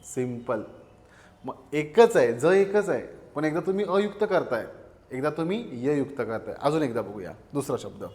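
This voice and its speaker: A man's voice: a little high, expressive, normal speed, darkish tone. Guy teaching grammar to a class, keeps repeating stuff back to students, voice rings around a big echoey room. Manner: asks questions and answers them himself, repeats terms.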